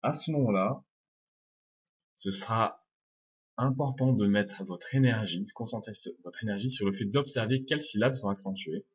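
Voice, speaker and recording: Young male French native, low husky voice, patient step-by-step pronunciation teacher, dull lo-fi recording. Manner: explains step by step, repeats sounds slowly. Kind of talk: video lesson answering viewer questions. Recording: dull lo-fi sound.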